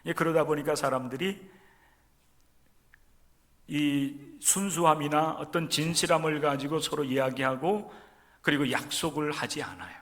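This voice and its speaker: A man from Chungcheong preaching a sermon in church, addressing the congregation directly and moving between loud, emphatic stresses and soft, near-whispered lines. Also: fairly high pitch, a little slow, long pauses. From Chungcheong region, Korea. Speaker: pastor. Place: church sanctuary during a service.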